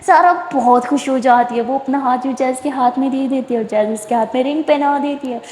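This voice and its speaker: High-voiced woman narrating in an echoey room. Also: steady tone, darkish tone, slight background noise. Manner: chatty, run-on retelling. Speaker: storyteller. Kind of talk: casual story narration. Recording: echoey room with long reverb.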